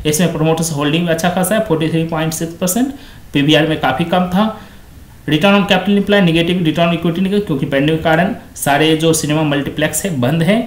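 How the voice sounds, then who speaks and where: Reviewing stocks over a screen share, the same high, light-voiced host speaks fast and conversationally, praising company figures over and over with lines like "quite excellent." His desk microphone picks up an echoey room.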